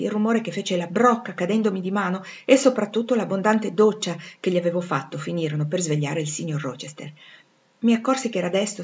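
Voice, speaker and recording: A woman reading a classic novel aloud with drama, dropping almost to a whisper at tense moments. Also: fairly low pitch. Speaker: audiobook reader. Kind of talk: expressive literary reading. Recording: slightly dull lo-fi recording.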